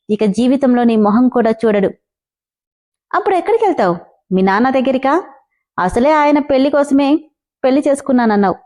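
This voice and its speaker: Obsessive young man who mocks and threatens, as a woman storyteller reads him; high pitch, mellow tone. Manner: taunting, possessive.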